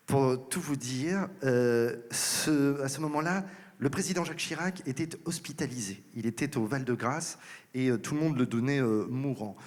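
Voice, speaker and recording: A male comedian telling a lively story to an audience on stage, acting out the voices of the people in it. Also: mid-range voice. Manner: lively anecdote telling, acts out quoted voices. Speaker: comedian and impressionist. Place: large concert hall stage. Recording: live hall reverb. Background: audience laughter.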